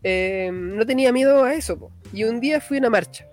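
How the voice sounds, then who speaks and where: A young man with a Chilean accent telling a story in casual chat, slangy and quick, with a tag at the end of every phrase. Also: extremely high pitch, faint music behind. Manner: fast slangy storytelling, frequent "cachai" tags.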